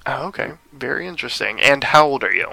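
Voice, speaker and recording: A man's voice: mid-range voice, lively intonation, quick pace, creaky, bright, forceful tone. A man hosting a radio interview show in an upbeat, enthusiastic way. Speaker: host.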